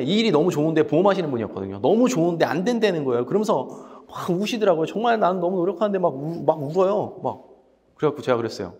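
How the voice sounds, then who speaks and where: Male sales coach, motivational talk, quick and animated, slightly high voice, long hall reverb. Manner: animated storytelling, quoting himself in blunt speech.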